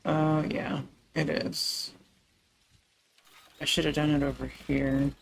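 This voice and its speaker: Soft-spoken male streamer with a raised voice and gravelly edge, unhurried, chatting to viewers as he builds. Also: a little high, flat delivery, poor audio. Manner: talks through building steps to viewers. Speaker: livestream host. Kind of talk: relaxed gaming livestream chat.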